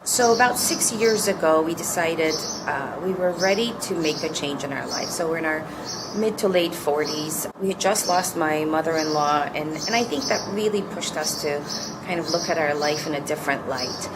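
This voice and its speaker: A Turkish-born woman in her fifties, co-founder of a coffee company, answers interview questions in a reflective, earnest way, frequently restarting her sentences. Her voice is deep, her speed normal, and heavy background noise surrounds her.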